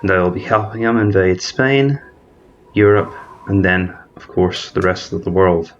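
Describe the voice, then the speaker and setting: A man does explanatory gameplay commentary as a strategy game let's-player, methodically thinking aloud and correcting himself mid-word. His voice is low-pitched and fairly even, at a normal speed, on dull audio with a little hiss or hum.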